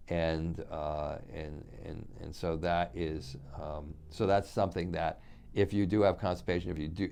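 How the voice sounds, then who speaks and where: A middle-aged functional medicine practitioner speaks straight to viewers in an unscripted health lesson. His sentences ramble loosely, full of restarts and repeated words. He has a deep, smooth, darkish voice with vocal fry.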